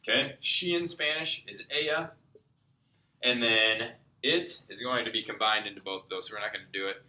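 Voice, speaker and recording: A man's voice: on the low side, normal speed, bright, forceful tone. Patient man tutoring in an echoey room. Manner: patient, step-by-step, frequent "okay?" check-ins. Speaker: Spanish tutor. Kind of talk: whiteboard lesson explanation.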